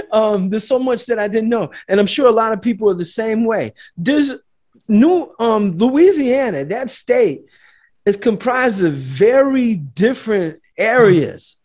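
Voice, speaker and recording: A male podcast host with a high voice asks questions in casual chat. He hesitates and hunts for his words, filling the gaps with ums. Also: expressive, unhurried, a little mellow.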